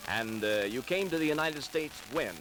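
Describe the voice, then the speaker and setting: A man's voice: fairly high pitch, lively intonation, normal speed, background noise. A man hosting a radio program, asking a guest questions in a friendly, conversational way. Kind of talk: radio interview.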